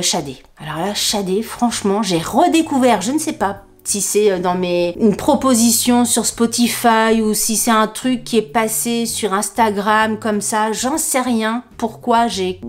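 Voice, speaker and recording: A middle-aged woman vlogger chatting casually to her viewers, enthusiastic and talkative, with many fillers and little laughs. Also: medium pitch. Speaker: beauty and lifestyle vlogger. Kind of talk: casual chat to camera.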